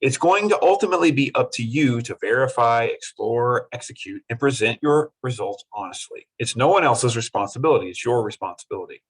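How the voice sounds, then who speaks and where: A middle-aged man delivers a university lecture, earnest and repetitive as he drives his points home. His voice is slightly husky and sits at an ordinary pitch for a man. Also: lively intonation, brisk, few pauses, low-quality recording. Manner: earnest, repetitive, acts out students in quotes. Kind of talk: classroom lecture.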